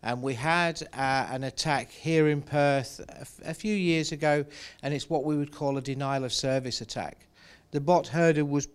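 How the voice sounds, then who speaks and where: A man's voice: on the high side, normal speed, hardly any pauses, clear, resonant tone. A man, a cybersecurity expert explaining attacks on a panel with dry humor. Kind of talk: panel discussion.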